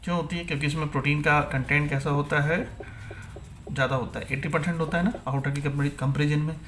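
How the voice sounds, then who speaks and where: A man's voice: a little high, steady tone, fast, fairly bright tone, slight background noise. Man teaching, asking and answering. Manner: asks questions and answers them himself; mixes English terms into Hindi. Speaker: biology teacher. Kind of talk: exam-prep lecture.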